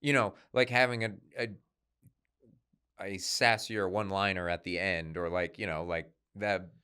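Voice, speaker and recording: A man co-hosting a casual movie podcast, speaking in a low-key, halting way. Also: fairly even intonation, bright, forceful tone, clear, resonant tone. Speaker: podcast co-host.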